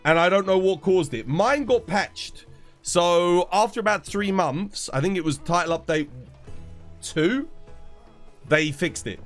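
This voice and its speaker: Soft music plays in the background as a stuffy-nosed man with a cold chats casually with viewers while streaming a game. His voice is high-pitched and expressive, at a measured pace.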